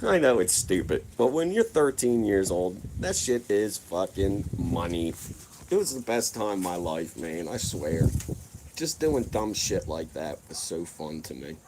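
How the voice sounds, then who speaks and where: A laid-back man rambles through profane personal stories in a loose vlog monologue. His voice sits on the low side and his delivery is easygoing and unhurried. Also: big pitch swings, background noise. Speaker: vlogger. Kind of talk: casual storytelling monologue.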